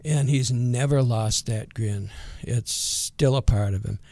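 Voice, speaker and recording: An older man with a natural Vermont accent and rural twang, reminiscing casually and hesitantly in a folksy, unhurried way as an interview guest. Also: medium pitch, darkish tone, no echo.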